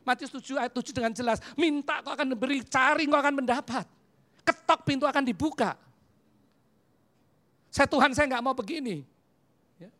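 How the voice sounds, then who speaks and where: A preacher in their fifties with a Javanese accent, giving a humorous sermon built on personal stories. They act out little dialogues and drop English phrases into the talk. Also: medium pitch. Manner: animated storyteller who acts out dialogues and mixes in English phrases.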